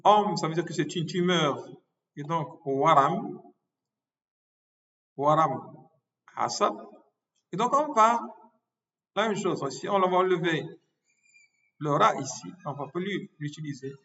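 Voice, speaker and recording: Male lecturer, higher voice, deliberate repetitive delivery; distant lo-fi recording. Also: lively intonation, sharp tone. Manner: slow, repeats words and spells them out syllable by syllable. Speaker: medical school professor. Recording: distant mic, dull lo-fi sound.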